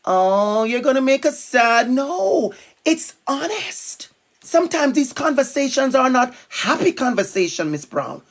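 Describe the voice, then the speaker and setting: In a very high, sing-song voice that runs a little slow, a man with a Jamaican accent speaks to young students as a school guest speaker. Hailing from Jamaica, he is playful and emphatic, calling out to the kids.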